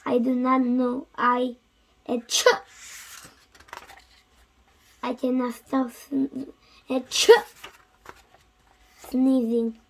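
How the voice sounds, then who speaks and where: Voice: high-pitched, little pitch movement, drawn-out words, vocal fry, long pauses, a little hiss or hum, exaggerated voice. A reader voicing a worried, sneezing male elephant in a picture book, dramatic and fretful.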